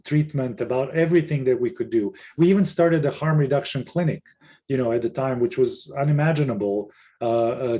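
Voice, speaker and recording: A man's voice: mid-range voice, warm tone. Earnest middle-aged man from Serbia. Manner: earnest, with frequent restarts and fillers. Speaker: webinar panelist, professor. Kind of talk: casual webinar talk.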